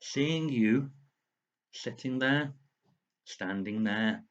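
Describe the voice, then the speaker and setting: This man, an author vlogger, talks very slowly at a medium pitch in his casual lockdown video diary, addressing the viewer from indoors at home. He has a slight lisp and rambles a bit, earnestly, and the audio is dull.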